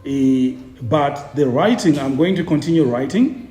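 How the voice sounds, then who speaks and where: In a roomy-sounding interview, a man from Zimbabwe in his forties, who works as a tour guide and writes books, chats in a fairly high, mellow, animated voice at a measured pace. Jokey and casual, he frequently repeats words while hunting for the next ones.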